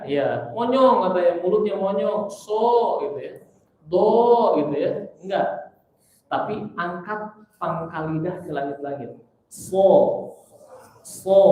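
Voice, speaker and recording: A man's voice: on the high side, highs cut off. A middle-aged man teaching Quran pronunciation, patiently repeating letter sounds to demonstrate them. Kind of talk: tajwid lesson with spoken demonstrations. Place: large mosque hall. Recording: very echoey mosque hall.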